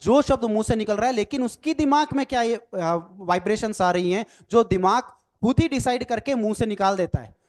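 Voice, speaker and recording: A man's voice: high-pitched, fairly quick, hardly any pauses, darkish tone. A man teaching a recorded lecture as an NLP trainer, explaining step by step, spelling words out letter by letter and often adding "ठीक है ना" as a check. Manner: explanatory, repeats "ठीक है ना" tag questions; mixes English phrases into Hindi.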